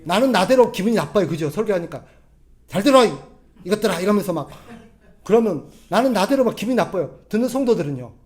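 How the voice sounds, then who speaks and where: Male pastor, high voice, conversational sermon full of questions to the congregation. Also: expressive, fast talker, darkish tone. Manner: acts out quoted voices in a gruff tone.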